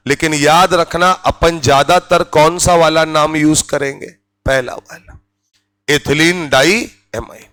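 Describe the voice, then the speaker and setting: Slow, dry-voiced man teaching chemistry. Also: a little high, a bit bright, no room sound, low-quality recording. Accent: Hindi. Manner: drills students with repeated questions. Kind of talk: classroom lecture. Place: classroom.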